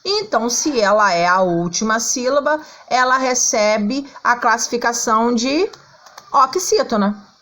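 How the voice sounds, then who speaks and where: A woman's voice: on the high side, lively intonation, measured pace, fairly bright tone, rough recording. A woman teacher with a Brazilian accent, patiently explaining a lesson to schoolchildren and singing out syllables to show the stress. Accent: Brazilian Portuguese. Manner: checks in often with "tá?" and "ó".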